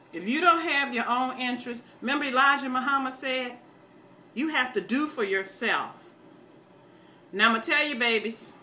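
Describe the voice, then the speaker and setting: Here the same sort of older American vlogger chats casually and ramblingly with viewers, her voice a little high, bright and forceful. Her manner stays folksy, opinionated and plain-spoken, and some background noise can be heard.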